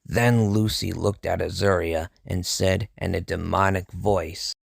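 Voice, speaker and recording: Slow, gravelly low-voiced man reading horror. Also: steady tone, no echo, clean studio sound. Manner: measured, grim storytelling delivery. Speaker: narrator. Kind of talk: first-person horror story reading.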